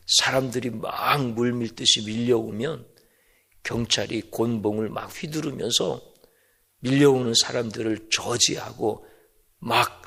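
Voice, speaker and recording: A male pastor preaching at a slow, deliberate pace, with frequent rhetorical questions. His voice is gravelly and husky, with a bright, forceful edge. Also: medium pitch. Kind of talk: sermon.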